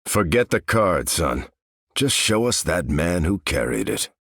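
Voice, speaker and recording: Captain America, deep and earnest super-soldier. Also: male voice, big pitch swings, unhurried, vocal fry, fairly bright tone, no room sound, studio quality, heavily acted. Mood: steady, earnest. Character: noble, steadfast veteran male super-soldier leading his team. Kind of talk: video game character voice lines.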